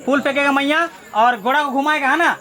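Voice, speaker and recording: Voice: high voice, fairly even intonation, a little fast, pushed and bright. A storyteller, leading a Karma puja, telling the ritual story and giving chatty instructions to the participants. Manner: chatty, directive, repeats phrases to hold attention.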